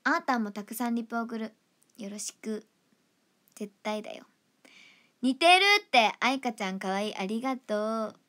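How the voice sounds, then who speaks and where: A young woman with a fairly high voice chats on her own livestream from an indoor room. She reads fan comments in an affectionate, giggly way and now and then sinks into a soft whisper. The sound comes from a simple phone or webcam mic. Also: steady tone, moderate pace. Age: young adult. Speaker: idol livestream host. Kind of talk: casual livestream chat reading fan comments.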